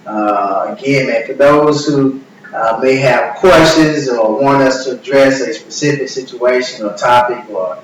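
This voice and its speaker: A man with a Mississippi accent co-hosting a casual chat show, talking in a halting way and repeating himself. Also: medium pitch, crowd noise. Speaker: show co-host. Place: echoey room, away from the mic. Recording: echoey room, distant mic, faint noise.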